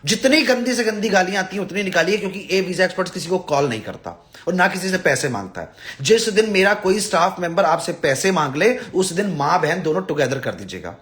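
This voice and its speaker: A man's voice: sits high, big pitch swings, fairly quick, fairly bright tone. A man addresses followers on a live stream, blunt and exasperated, scolding and pleading with emphatic repetition. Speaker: visa advisor and live-stream host.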